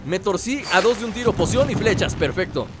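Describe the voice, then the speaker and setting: A man giving excited let's play commentary, teasing and shouting in bursts. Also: sits high, brisk, very noisy. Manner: excitable, loud outbursts, teasing, sings along. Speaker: gamer.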